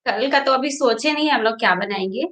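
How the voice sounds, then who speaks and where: A woman's voice: fairly high pitch, a little fast, fairly bright tone. A woman hosts a casual live stream alongside her husband. She speaks little, answering in brief, agreeable replies.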